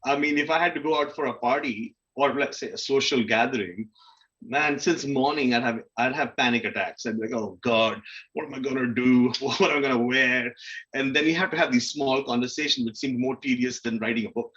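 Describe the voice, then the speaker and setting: The audio is lo-fi, and the man's mid-range voice is brisk with a fairly bright tone. He's a panel guest sharing personal experience in a candid, casual way, frequently playing out his inner dialogue and second-guessing himself aloud.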